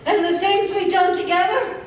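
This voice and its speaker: A woman's voice: very high voice, steady tone, normal speed, a little hiss or hum. A woman playing a soothing, supportive comrade in a stage comedy. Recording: echoey hall from far off.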